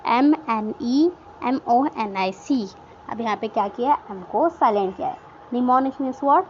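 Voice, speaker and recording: A woman with a fairly high voice gives a grammar lesson. She spells out words letter by letter and answers her own questions as she goes. The recording sounds dull and lo-fi, with a faint hiss behind her. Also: lively intonation, slow. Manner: asks questions and answers them herself; mixes English words into Hindi. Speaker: English grammar teacher. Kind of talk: classroom lesson explaining words.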